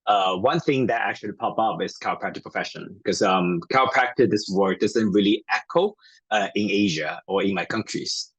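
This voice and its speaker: A man from Taiwan, a native Chinese speaker, chats in a friendly, halting way with plenty of fillers. His voice sits fairly low and has a husky edge. The room sounds dry and close. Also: a bit bright, no room sound, muffled recording. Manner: friendly, hesitant, with many fillers. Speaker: guest chiropractor. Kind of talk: casual interview chat.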